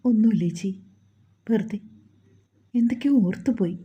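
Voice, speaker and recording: A woman voicing a young grieving new mother, talking softly with tearful reassurance. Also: fairly high pitch, normal speed, husky, highs cut off. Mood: reassuring.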